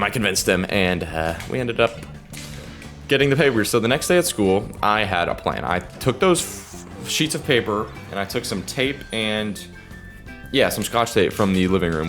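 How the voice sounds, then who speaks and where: Teen dude rambling a story while gaming, voice bouncing all over, kinda low, trash talking mid-sentence. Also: male voice, a bit bright. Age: teens. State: keeping voice down so his sleeping father won't hear. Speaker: gaming video creator. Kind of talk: rambling story told while playing a fighting game.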